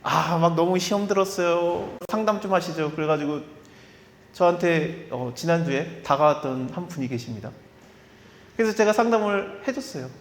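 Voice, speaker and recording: A man's voice: fairly high pitch, normal speed, slight background noise. A man preaching an expository sermon in a conversational way, acting out the voices he quotes. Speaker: pastor. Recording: echoey hall reverb.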